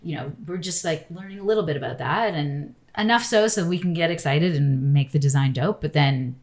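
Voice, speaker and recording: Low-voiced chatty woman architect. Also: brisk. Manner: chatty, rambling, full of "like" and "you know". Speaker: architect guest. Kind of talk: casual interview chat.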